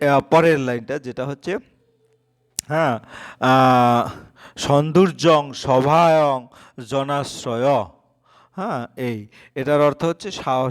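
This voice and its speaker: Man teaching an exam-prep lesson. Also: mid-range voice. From West Bengal, India. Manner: explains step by step with many fillers, reads out answers.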